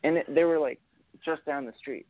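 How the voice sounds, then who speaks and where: A man's voice: fairly high pitch, brisk, no echo. A young man from Argentina, a winemaker guest, talking casually and rambling with many fillers and restarts over a thin, phone-like line. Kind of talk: casual interview chat. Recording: tinny phone-like line, dry.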